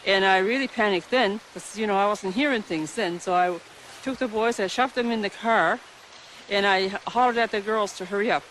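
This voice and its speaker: A middle-aged woman, a mother, telling an interviewer about a frightening experience, hesitant with frequent pauses and restarts. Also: medium pitch, fairly bright tone, slight background noise, rough recording. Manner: hesitant, many fillers and restarts. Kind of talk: emotional personal account.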